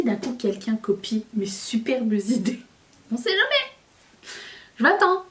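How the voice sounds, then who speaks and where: A woman's voice: medium pitch, echoey room, recorded from a distance. A woman vlogger chatting casually to viewers while she does her makeup, joking at her own expense. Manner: chatty, self-mocking, talks while applying makeup. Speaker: beauty vlogger. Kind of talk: casual makeup tutorial chat.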